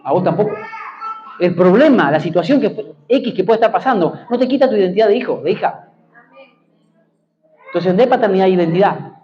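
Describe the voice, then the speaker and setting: A man's voice: high-pitched, expressive, fairly quick, pauses often, warm tone, highs cut off, a little hiss or hum. A man with an Argentine accent preaching a sermon as pastor, emphatic, repeating key phrases and calling for amens. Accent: Argentine Spanish.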